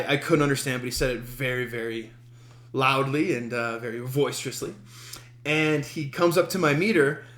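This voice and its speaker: A man from Denver hosting his podcast, telling a story in a casual, halting way full of ums, with a wry, self-amused humor. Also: medium pitch, fairly bright tone, echoey room. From Denver, USA. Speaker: podcast host.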